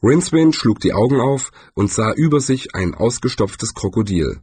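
Husky, expressive male storyteller. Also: medium pitch, moderate pace, no echo. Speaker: audiobook narrator. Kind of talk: scripted narration.

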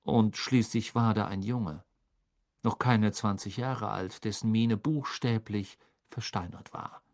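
Measured audiobook narrator. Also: mid-range voice, darkish tone. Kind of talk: scripted storybook narration.

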